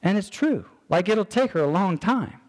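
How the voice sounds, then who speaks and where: A man's voice: sits high, animated, normal speed. A man preaching a conversational sermon, acting out everyday quotes, with frequent restarts and repeated words. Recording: reverberant hall sound.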